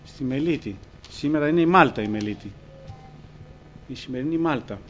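A man's voice: medium pitch, lively intonation, fairly bright tone, dull audio, a little hiss or hum. A man preaching a fervent sermon to his congregation, often calling them brothers. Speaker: pastor.

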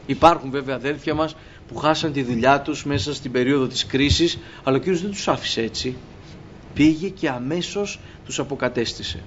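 A man's voice: medium pitch, a little hiss or hum. A man preaching a sermon to his congregation, addressing them as brothers and acting out exchanges with God. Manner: impassioned, acts out dialogues with God, addresses brothers. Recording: dull lo-fi recording with faint ambience.

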